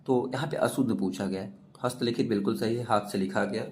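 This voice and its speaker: A man's voice: fairly low pitch, brisk, a little mellow, slight background noise. Man quizzing students on spelling. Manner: quizzing, repeats questions and answers. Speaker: teacher. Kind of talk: exam-prep lecture.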